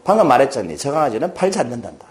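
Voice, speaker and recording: A man's voice: mid-range voice, big pitch swings, rapid-fire, lightly acted. A man voicing a kindly middle-aged pet shop owner who patiently answers a boy.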